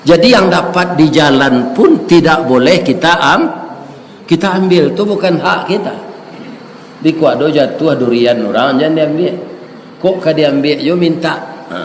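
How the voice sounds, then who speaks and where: A male preacher with a Minangkabau accent tells a story in a sermon, slow and deliberate, often asking "ya kan?". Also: on the high side, lively intonation. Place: prayer hall. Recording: echoey hall with faint noise.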